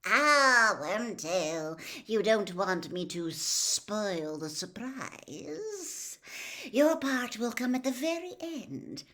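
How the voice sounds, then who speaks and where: Woman voicing Lord Voldemort, silky, slow, cruel. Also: medium pitch, animated, sharp tone, exaggerated voice. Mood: cruelly amused. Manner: silky, mocking, deliberate. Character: cold, cruel, silky dark lord, male, menacing. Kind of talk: storybook villain read aloud.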